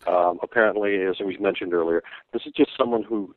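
A man co-hosting a podcast over the phone, talking in a halting, thoughtful way with many fillers. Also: low voice, dry recording. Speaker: podcast co-host. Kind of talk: casual chat. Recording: tinny phone line.

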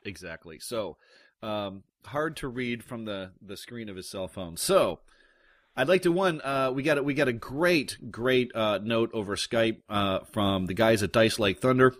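A man's voice: lowish voice, a little slow, a bit bright, dry recording, clean studio sound. A man hosting a podcast, chatting casually through the news with lots of restarts and fillers. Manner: rambling, many restarts and fillers. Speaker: podcast host.

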